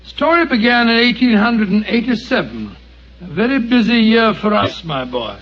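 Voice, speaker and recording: A man's voice: sits high, very animated, moderate pace, slight background noise. An actor playing Doctor Watson, a genial elderly doctor with a bluff, fatherly way of telling a story, in a 1940s radio drama. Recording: dull 1940s radio recording.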